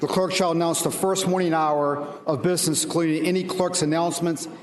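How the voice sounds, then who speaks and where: Male speaker of a legislature, official procedural delivery, a touch high, with reverberant chamber sound. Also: little pitch movement, brisk. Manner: official, procedural calling of business. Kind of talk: formal parliamentary procedure. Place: large indoor legislative chamber. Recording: echoey chamber, long reverb, background noise.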